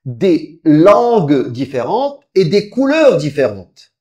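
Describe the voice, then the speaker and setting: In this religious lecture, the male preacher explains his points gradually, repeatedly breaking off to restart. His delivery is lively, swinging in pitch and volume, and he recites Arabic verses rapidly.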